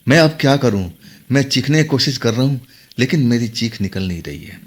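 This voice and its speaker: A man's voice: mid-range voice, lively intonation, brisk. A man narrating a horror story in the first person, dramatic and tense.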